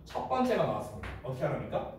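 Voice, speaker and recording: A man's voice: mid-range voice, wildly swooping pitch, very fast, slight background noise. A man in his thirties teaching an exam-prep English lecture, casual and teasing, often checking in with his students. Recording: echoey room, mic at a distance.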